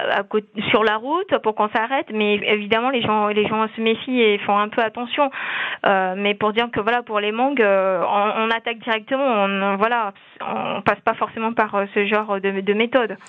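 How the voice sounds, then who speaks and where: A woman's voice: mid-range voice, no room sound. A woman from French Guiana, a farming family's daughter, speaking on the phone during a radio interview, hesitant with many fillers and restarts. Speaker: guest, farmer's daughter. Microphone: telephone. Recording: tinny dry phone line.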